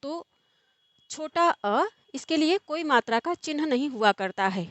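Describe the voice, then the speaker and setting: A woman teaching Hindi, reciting syllables one by one with careful, drawn-out pronunciation. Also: high voice, lively intonation, fairly bright tone, dry recording. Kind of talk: slow syllable-by-syllable recitation lesson.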